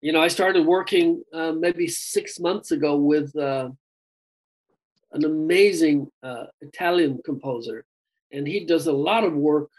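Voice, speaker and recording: A man's voice: a little high, a little slow, a little mellow, poor audio. A man, a singer being interviewed, talking in a chatty, rambling, casual way and often saying "dude". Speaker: guest singer. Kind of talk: casual chat.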